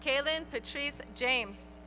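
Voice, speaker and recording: A woman reading graduates' names one by one at an outdoor graduation ceremony, in a clear, measured announcing manner. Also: high voice, pushed and bright. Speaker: graduation name reader. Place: outdoor stadium ceremony over PA.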